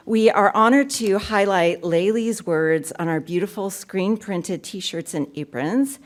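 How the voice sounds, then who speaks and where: A woman opening a university poetry reading, giving warm welcoming remarks and announcements into a podium mic. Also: on the low side. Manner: warm, gracious and upbeat, with filler ums. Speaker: event host introducing a poetry reading. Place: university lecture room.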